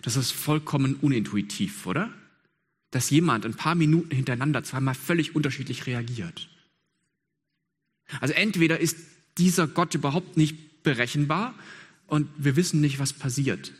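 Husky male preacher in a reverberant hall. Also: mid-range voice, moderate pace. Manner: earnest, emphatic repetitions, rhetorical questions. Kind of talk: sermon.

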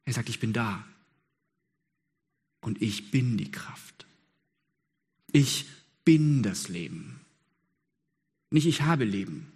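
Husky male preacher in a reverberant hall. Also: mid-range voice, lively intonation, takes it slowly, pauses often, darkish tone. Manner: earnest, emphatic repetitions, rhetorical questions. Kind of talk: sermon.

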